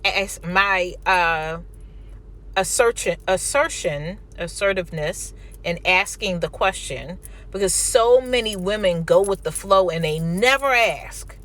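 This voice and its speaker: Her pitch is fairly low, her delivery animated but a little slow, and her tone a bit bright. The American woman talks openly and informally, recounting her own experiences and offering forceful relationship advice while addressing listeners head-on.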